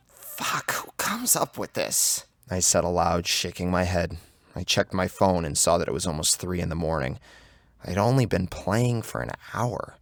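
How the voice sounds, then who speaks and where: A man with a low-sitting voice narrates a first-person horror story in an intense, theatrical, scripted manner. There's no echo, and a clear music bed runs beneath his narration.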